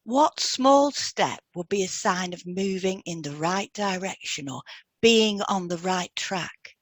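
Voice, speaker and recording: Taking it slowly, a woman with a fairly low, expressive voice reads scripted explanations for an educational podcast she co-hosts, delivering them instructively. She trains hypnotherapists, and the recording has no room sound.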